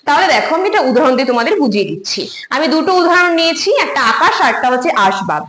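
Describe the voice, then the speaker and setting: A woman's voice: sits high, big pitch swings, very fast, a bit bright, echoey room, poor audio. A woman teacher giving an online lecture, explaining terms step by step, often repeating key words and checking whether students follow. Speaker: Bengali literature teacher.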